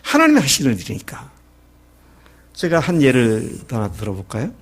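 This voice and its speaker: A man's voice: medium pitch, normal speed, husky. A middle-aged male pastor preaching a sermon, who asks his listeners questions and acts out the quoted lines of the story. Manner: lively preaching, acting out Jesus and the disciples in quoted lines; asks the congregation questions and answers them.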